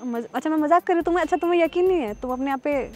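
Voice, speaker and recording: Fast, high-voiced cheeky young woman. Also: faint music behind.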